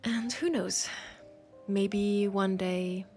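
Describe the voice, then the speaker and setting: Soft music plays behind a medium-pitched, steady female voice with a French accent. She performs a scripted, intimate roleplay monologue to the listener as a weary, passionate bookshop owner, tired and wry, gently teasing a vampire customer in a slow, thoughtful way full of sighs and pauses.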